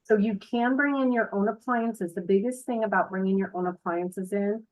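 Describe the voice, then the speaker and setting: A woman's voice: mid-range voice, normal speed, a little mellow, rough recording. A woman giving a casual, informal house tour as a builder's representative, explaining features in a chatty way. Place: voice-over talking over a tour video.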